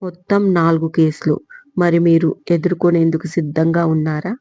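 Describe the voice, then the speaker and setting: A woman's voice: sits low, level tone, normal speed, mellow, dry recording, dull audio. A woman voicing a stern older man who firmly spells out legal threats. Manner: firm, threatening.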